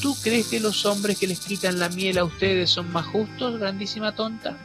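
Man putting on a sneery lady snake, teasing and smug, bit higher than normal, soft music under it. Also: sing-song, brisk. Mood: sneering. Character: sly mocking green female snake, predatory. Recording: faint music behind.

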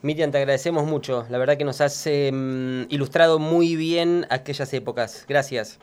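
A man's voice: medium pitch, steady tone, moderate pace, a little mellow, smooth. A man hosting an educational radio show and reading a children's story aloud. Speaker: radio host.

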